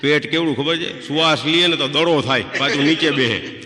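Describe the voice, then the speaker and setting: A man's voice: on the high side, a little fast, bright, forceful tone. A man doing stand-up comedy, telling funny stories and acting out the people in them. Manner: storytelling, acting out quoted people. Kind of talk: live stand-up joke telling. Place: stage before an audience. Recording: live stage recording with long reverb.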